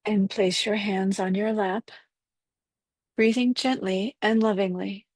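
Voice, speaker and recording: Slow-paced woman guiding meditation. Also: medium pitch, steady tone, no echo. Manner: gentle, unhurried instruction with pauses. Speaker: breathwork guide. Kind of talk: guided meditation.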